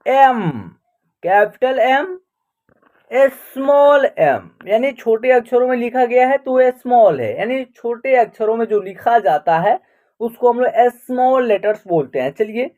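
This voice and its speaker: Woman, teacher, very slow unhurried speech, drawn-out letters, quiz questions to students. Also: on the high side, animated, warm tone, dull audio. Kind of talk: online alphabet lesson.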